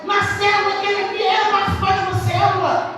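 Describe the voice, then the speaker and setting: Brief: Brazilian woman preacher, very high voice, emphatic and repetitive, distant mic in a reverberant hall. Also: level tone, fast talker, fairly bright tone. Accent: Brazilian Portuguese. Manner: emphatic, repetitive, rhetorical questions to the congregation. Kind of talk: sermon. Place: church hall. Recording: echoey church hall, distant mic, faint noise.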